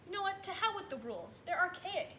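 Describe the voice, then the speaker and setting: A woman's voice: extremely high pitch, very animated, quick pace, sharp tone, a little hiss or hum, full character voice. A young woman on stage playing an anxious mother who pleads to be loved by her son's wife. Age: late teens. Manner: pleading, fretful. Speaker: student actor. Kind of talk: stage play dialogue. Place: school theater stage.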